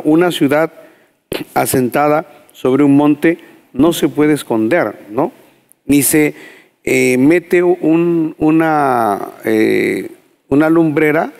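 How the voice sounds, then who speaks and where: Measured pastor explaining scripture. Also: male voice, medium pitch, creaky, a little mellow. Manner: measured, explanatory, with many fillers. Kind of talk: preaching in a panel discussion.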